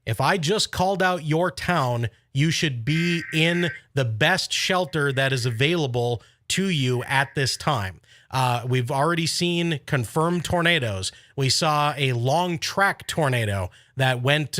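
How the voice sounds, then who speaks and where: A man working as a weather forecaster, giving live tornado warning commentary in an urgent but measured, explanatory way. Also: fairly high pitch, a bit bright, no echo, clean studio sound.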